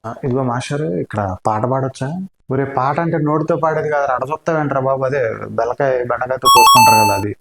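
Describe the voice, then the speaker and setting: Rapid, mocking young man gaming in VR. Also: medium pitch, steady tone. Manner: insulting, teasing and yelling at game characters. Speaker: VR gamer streamer. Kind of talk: comic game commentary. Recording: echoey room with loud noise.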